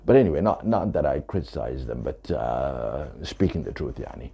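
Very deep gravelly man, emphatic. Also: very animated, normal speed, warm tone, slight background noise. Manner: emphatic, repeating points. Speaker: author. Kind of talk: talking to camera about his book.

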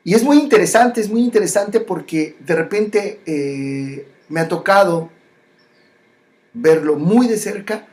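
Here the speaker's medium-pitched, darkish voice unfolds a reflective spiritual monologue. Things proceed slowly, with phrases repeated and the flow often pausing and starting over.

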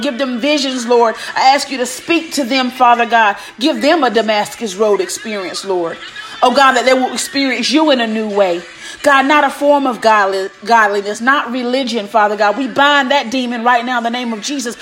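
This woman's voice sits on the high side with a fairly bright tone and moderate pace as she leads a fervent, commanding prayer. Like a preacher, she keeps invoking God between phrases while music plays.

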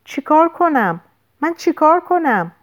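A woman's voice: mid-range voice, expressive, a little mellow, close to an everyday voice. A woman voicing a young woman who panics and pleads desperately over a wounded man, in an audiobook. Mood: panicked.

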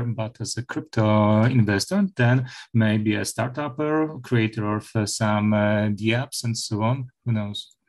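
Middle-aged male professor, halting interview answers full of fillers. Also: fairly low pitch, a little mellow. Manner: hesitant, many filler sounds and restarts. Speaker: university professor, interview guest.

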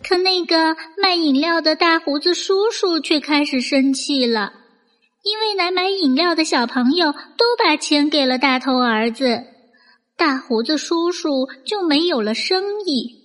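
High-voiced woman telling bedtime stories. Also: measured pace, a bit bright. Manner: coaxing, addressing young listeners as little darlings. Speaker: children's bedtime storyteller. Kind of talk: gentle fireside-style bedtime storytelling to small children. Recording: long reverb with music bed. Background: music.

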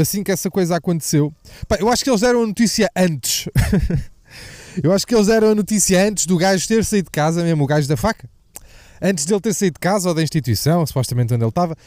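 A young man with a European Portuguese accent rambles through a podcast monologue, swearing freely and cracking jokes as he drifts between topics. His voice sits fairly high and comes across smooth and resonant. The sound is dry and close, though it drifts off-mic now and then. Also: a little mellow, no room sound. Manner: profane, jokey, digressive. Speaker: podcast host. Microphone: mic slipping away from the mouth at times.

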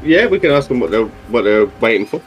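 A man's voice: mid-range voice, big pitch swings, fast talker, loud music behind the voice. A man chatting casually as a player in a tabletop role-playing game.

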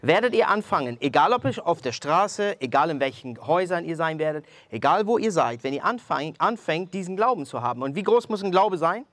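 Lively storytelling preacher man. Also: on the high side, a little fast, hardly any pauses, dry recording. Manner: animated storytelling, addresses listeners directly. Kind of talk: sermon testimony.

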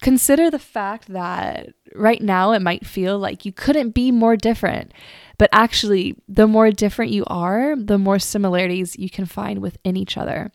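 A woman in her twenties talks through her podcast in an earnest, chatty way, often doubling words as she restarts a thought. Her pitch sits in a middle range for a woman. The sound is dry and close to the mic, with no room in it. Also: moderate pace, no echo. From United States. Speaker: podcast host. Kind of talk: casual solo podcast talk.

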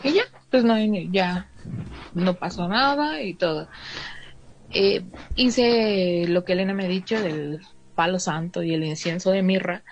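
A woman with a fairly low, slightly mellow voice and a Mexican Spanish accent spins a casual story for a listener. Chatty, she peppers it with "o sea" and asides and acts out the dialogue, and the sound is a bit dull with faint noise.

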